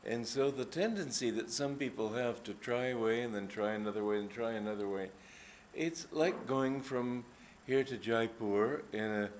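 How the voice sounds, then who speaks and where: A man's voice: medium pitch, slight background noise. Older man giving a reflective spiritual talk. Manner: reflective, anecdotal, unhurried with frequent hesitations. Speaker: spiritual teacher. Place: gathering hall.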